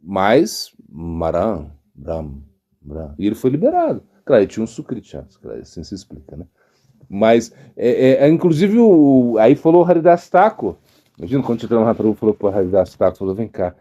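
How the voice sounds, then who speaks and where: A middle-aged man with a Brazilian Portuguese accent giving an informal devotional sermon as a monk, telling stories lively and often restarting his sentences. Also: mid-range voice, fast talker, lo-fi sound. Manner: animated storytelling, acts out quotes, frequent restarts and stammers. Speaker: monk giving a spiritual talk.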